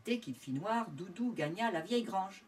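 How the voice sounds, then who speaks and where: A woman reading a storybook aloud to young children, expressive and sing-song. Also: mid-range voice, normal speed, distant mic.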